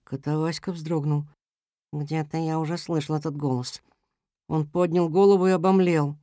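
A narrator reading a children's story aloud in an even, gentle manner. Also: medium pitch, normal speed, dry recording, studio quality.

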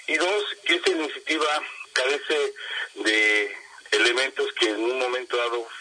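Union leader giving a formal statement. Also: male voice, medium pitch, moderate pace, noisy background. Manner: formal, with restarts and fillers. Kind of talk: public statement.

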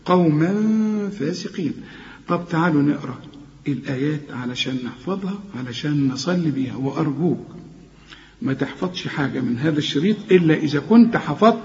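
A man with an Egyptian accent teaching Quran recitation, stopping a student to correct each sound and modelling words slowly, often exasperated. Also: on the high side, lively intonation, a little mellow, dull audio. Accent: Egyptian Arabic. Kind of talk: tajweed lesson correcting a student.

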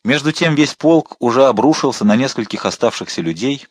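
A man narrating a historical adventure audiobook in an expressive, dramatic manner. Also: mid-range voice, fairly quick, no room sound, clean studio sound. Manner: expressive, shifting to voice the characters.

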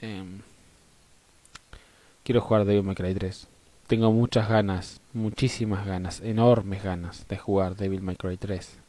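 Man, Argentine accent, dark relaxed voice, dry sound, sweary casual gaming stream, muttered asides. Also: low voice, measured pace, dry recording. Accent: Argentine Spanish. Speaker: live streamer.

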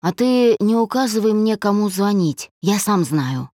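A woman plays a drunk young man insisting on something over the phone, using a low, relaxed, slurring voice. She speaks at a measured pace in a dry recording with no echo.

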